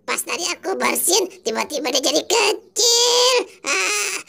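Brief: fretful sneezy costume clown, acted by a performer, bright high voice, groans often. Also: sing-song, unhurried, gravelly, full character voice. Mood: distressed.

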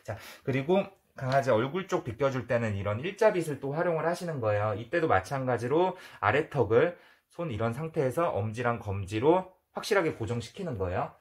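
A male dog trainer calmly explaining grooming to an owner, with firm, drawn-out soothing praise for the dog. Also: medium pitch. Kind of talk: hands-on training demonstration.

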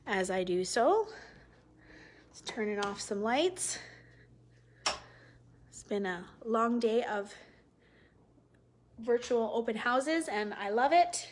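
A woman in her thirties leads a live virtual tour of a house, speaking into a phone held at arm's length as she walks from room to room. Her voice sits a little high, and she talks slowly with an upbeat, admiring manner. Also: lively intonation, noisy background. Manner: upbeat, admiring, slow and deliberate. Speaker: real estate agent. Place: large house indoors, walking room to room.

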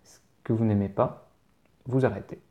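A man's voice: on the low side, steady tone, normal speed, phone-quality sound. A man teaching French, reading out viewer questions and answering them casually, spelling words out letter by letter. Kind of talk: casual live Q&A.

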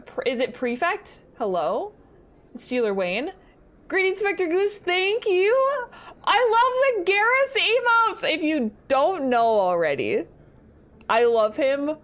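Brief: giggly young woman live-streaming, high, bouncy voice, headset mic. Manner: giggly, bubbly, self-deprecating. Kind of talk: casual live-stream chat while gaming. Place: home apartment.

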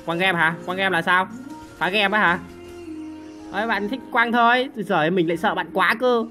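A young man giving excited gameplay commentary, repeating words in rapid bursts and grumbling at his teammates. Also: high-pitched, music in the background. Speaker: gaming streamer.

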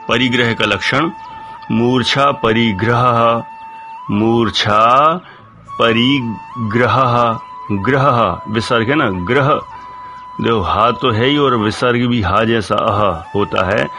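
A man teaching a religious text, explaining each term one by one and asking listeners to repeat the verses after him. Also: mid-range voice. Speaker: teacher of scripture.

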